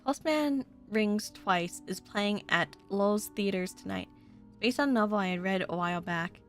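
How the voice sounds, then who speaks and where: A woman streaming a game, reading its letters and dialogue aloud in a slow, expressive way, and turning playful and giggly between lines. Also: medium pitch, soft background music. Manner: playful and giggly when ad-libbing. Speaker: VTuber streamer.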